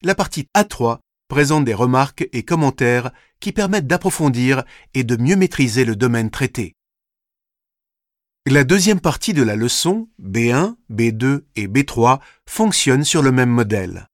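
A man slowly reading a scripted language course, with careful, deliberate articulation. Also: medium pitch, animated, no room sound, clean studio sound. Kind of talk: scripted instructional narration.

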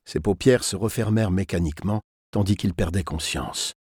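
Low husky-voiced male storyteller. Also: moderate pace, dry recording, studio quality. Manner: expressive, tense storytelling. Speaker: narrator. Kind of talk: dramatic audiobook narration.

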